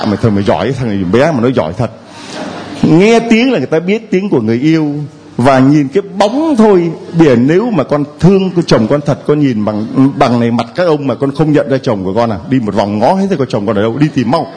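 Lively teasing priest, man preaching. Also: mid-range voice, slight background noise. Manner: teasing, playful with the congregation. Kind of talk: sermon. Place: church.

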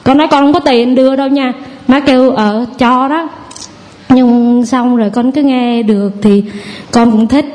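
High-voiced young mother telling her story. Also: fairly even intonation, moderate pace, darkish tone. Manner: chatty storytelling, acts out family quotes. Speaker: audience member giving testimony. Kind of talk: nervous personal testimony.

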